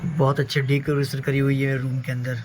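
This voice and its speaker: A man's voice: mid-range voice, monotone, brisk, background noise. Bustling, chatty man voicing dolls. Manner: bustling, chatty, says "yaar" often. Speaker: performer voicing dolls in a family skit. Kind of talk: casual improvised doll-play skit.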